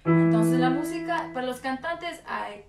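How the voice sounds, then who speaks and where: Slow-talking mezzo woman singing teacher, counts and sings vowel drills, mixes in english words, roomy sound from a distance. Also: high-pitched, big pitch swings, gravelly. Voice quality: mezzo-soprano voice. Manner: counts aloud and demonstrates sung vowel drills; slips English words into her speech. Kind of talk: online singing lesson with vocal exercises. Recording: roomy sound, mic at a distance, loud piano. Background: piano accompaniment.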